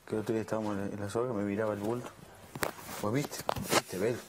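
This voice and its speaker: A man's voice: fairly low pitch, flat delivery, fast talker, noisy background. A young man with an Argentine accent, gossiping insistently and repeating words as he stammers. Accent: Argentine Spanish. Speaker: reality show housemate. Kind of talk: heated gossip chat.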